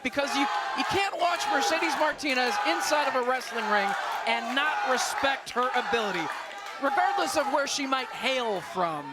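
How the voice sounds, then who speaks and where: A man calling live wrestling play-by-play, excited and clipped, often raising his voice to a shout. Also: very high voice, normal speed. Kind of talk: live sports commentary. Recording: loud crowd and noise behind. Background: wrestling crowd.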